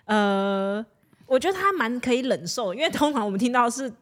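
A woman from Taiwan co-hosting a casual comedic chat, chiming in with quick agreement and giggly reactions. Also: a little high, expressive. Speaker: podcast co-host.

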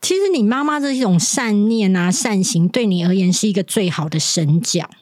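A woman's voice: medium pitch, lively intonation, moderate pace, a little mellow, no room sound, studio quality. A woman podcast host with a Taiwanese Mandarin accent, prompting her guest with questions. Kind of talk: interview hosting.

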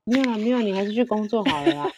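A woman's voice: a little high, rapid-fire, darkish tone, a little hiss or hum, pitched above the performer's own voice, natural voice. A woman mimicking her husband, a young man who whines and placates. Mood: backpedaling.

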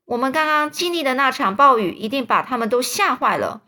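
A thoughtful young boy from a storybook, as a woman reads him explains things plainly and a bit loudly. The voice stays close to the reader's own. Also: high voice, lively intonation, fairly quick, voice pushed up. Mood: reassuring.

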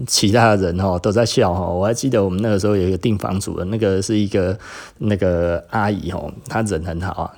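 A man with a Taiwanese Mandarin accent, hosting a podcast and telling a story in a casual, animated way, getting louder and higher when he is indignant. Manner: animated retelling with frequent sentence-final particles; rises in pitch and volume when indignant. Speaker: podcast host.

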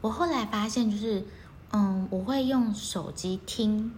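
A woman's voice: mid-range voice, a little slow, a little mellow, a little hiss or hum. A woman, chatting casually as a co-host and laughing often. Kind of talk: casual chat.

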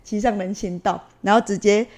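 A young woman with a Taiwanese Mandarin accent tells a story on a casual podcast. She talks in an animated way and voices the people in her story. Her pitch sits in the middle range. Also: moderate pace. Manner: animated, acts out quoted dialogue. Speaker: podcast co-host.

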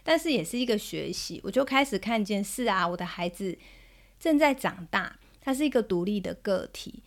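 A woman in her thirties with a Taiwanese Mandarin accent, hosting a parenting podcast and telling a story about her child in a gentle manner. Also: mid-range voice, lively intonation, moderate pace. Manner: gentle, soothing when quoting herself to her child. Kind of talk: storytelling monologue.

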